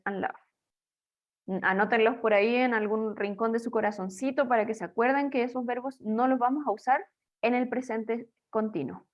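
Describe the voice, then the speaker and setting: A woman's voice: a little high, highs cut off. A woman teaching English grammar in a playful, chatty way, explaining rules to students in a recorded lesson.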